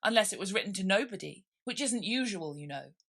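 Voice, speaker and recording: Storybook king, acted by a woman: pompous, muddled judge, lively pitch swings, forceful tone. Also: a little fast. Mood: musing, self-satisfied.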